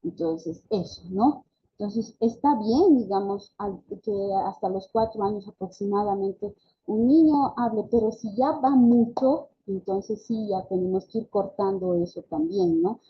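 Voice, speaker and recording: A woman teaches a speech therapy class in a slightly breathy, husky voice. She keeps restarting her phrases and checks in with her listeners as she goes. Her voice sits in a middle range, and the recording sounds dull and lo-fi. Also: mid-range voice, expressive, a little slow. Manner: frequent self-corrections and tag questions. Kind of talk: online class lecture. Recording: dull lo-fi audio.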